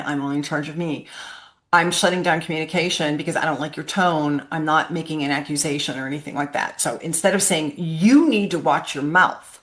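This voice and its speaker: Earnest woman giving parenting advice. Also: on the low side. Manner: earnest, coaching, acts out example phrases. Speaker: podcast host. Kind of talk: parenting advice podcast monologue.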